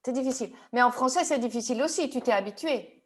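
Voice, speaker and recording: Fast-paced and notably high-voiced, a woman runs an EFT tapping therapy session. She keeps asking calm, patient questions in sequence to bring her client's fears to the surface.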